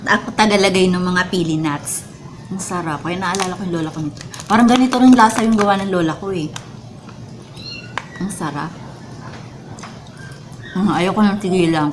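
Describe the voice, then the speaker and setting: A Filipino woman vlogger with a lowish voice talks directly to her viewers in a chatty way while eating and savouring sweets in a casual mukbang. A little hiss or hum sits under the recording.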